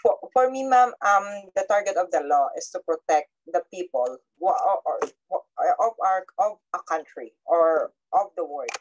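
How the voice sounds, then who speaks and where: A woman's voice: lowish voice, expressive, moderate pace, hardly any pauses, muffled recording. A woman student politely answering the lecturer's question, with hesitant restarts.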